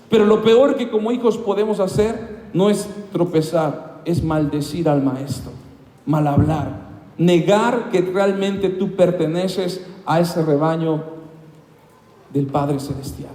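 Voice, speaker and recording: High-voiced pastor preaching in a hall. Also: male voice, measured pace. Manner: impassioned, swinging between loud highs and quiet lows. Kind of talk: sermon. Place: church.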